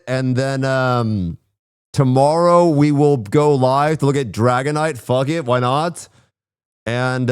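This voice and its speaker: A worn-out, hungover live streamer chats casually to his viewers, rambling in slangy, profane, self-deprecating talk. His medium-pitched voice is smooth, caught on a close streaming microphone in a dry recording.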